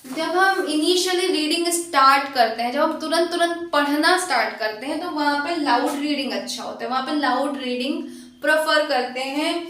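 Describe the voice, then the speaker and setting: A woman with a high voice teaches an exam prep lesson. She explains step by step and repeats key terms. Her voice rings in a strongly echoing room, heard from a short way off the mic. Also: moderate pace, fairly bright tone, recorded from a distance, slight background noise. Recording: echoey room, voice set back from the mic.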